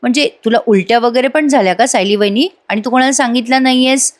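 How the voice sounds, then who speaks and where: Young male doctor, calm and probing, a woman reading his lines. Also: on the high side, fast, pitched above the performer's own voice, close to an everyday voice.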